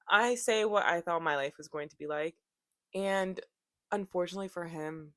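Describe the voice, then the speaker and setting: A woman's voice: sits low, fairly bright tone, no room sound. A woman in her twenties talking casually to camera, rambling off topic, joking and swearing freely. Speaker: YouTuber.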